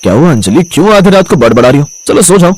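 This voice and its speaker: A man's voice: on the high side, very animated, quick pace, slightly rough. A man voicing a stubborn young husband in a cartoon story, talking in an offhand, dismissive way.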